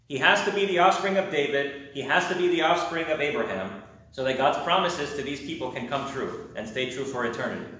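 A man's voice: medium pitch, sharp tone. A man from America teaching a class, asking the students questions and adding wry asides. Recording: very echoey room.

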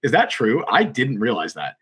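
A man co-hosting a casual sports podcast, talking quickly and animatedly and reading chat comments aloud. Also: mid-range voice, wildly swooping pitch, fairly bright tone, breathy edge. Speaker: podcast co-host.

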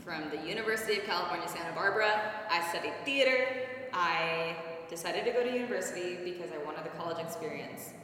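A woman's voice: on the low side, lively intonation, quick pace, pushed and bright, distant mic, slight background noise. A woman in her twenties, an actress and guest, talking earnestly and casually with a lot of "like". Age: 20s. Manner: chatty, earnest, lots of "like". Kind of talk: casual interview. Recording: very echoey room with long reverb.

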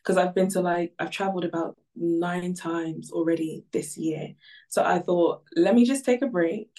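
A woman's voice: on the low side, steady tone, normal speed, warm tone. A woman from Ghana, a guest on a podcast, chatting casually and upbeat with many fillers. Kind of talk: casual interview chat. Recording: distant from the mic.

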